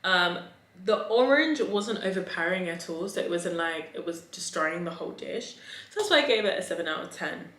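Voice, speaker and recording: A woman with a slightly low voice chats through a restaurant review in a casual vlog style. Her delivery is campy and theatrical, stretching and stressing key words. The recording is noticeably roomy and echoey. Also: lively intonation, fairly quick, a bit bright. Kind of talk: casual, chatty video review.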